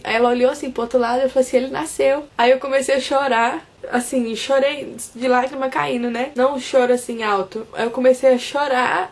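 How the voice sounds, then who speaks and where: A young woman with a Brazilian Portuguese accent, earnestly recounting a personal story to her viewers in a soft, casual way with frequent restarts. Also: high voice. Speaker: vlogger.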